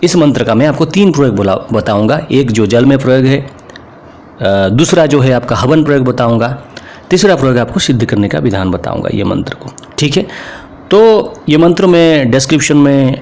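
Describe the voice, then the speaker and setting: A man's voice: medium pitch, lively intonation, moderate pace, darkish tone. A man with an Indian accent, a spiritual teacher, giving an earnest, informal spoken lesson to camera and often repeating himself. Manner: earnest, repetitive, mixes English words into speech.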